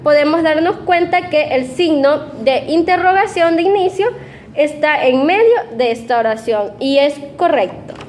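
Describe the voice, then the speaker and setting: High-voiced young woman presenting a lesson. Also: expressive, normal speed, darkish tone, a little hiss or hum. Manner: explanatory, with fillers and self-corrections. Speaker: student presenter. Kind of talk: class presentation.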